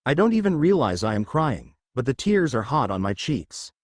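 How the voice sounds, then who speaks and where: A man's voice: mid-range voice, very animated, moderate pace, dry recording, studio quality. A man reading a dramatic first-person story aloud with an intense delivery. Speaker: narrator.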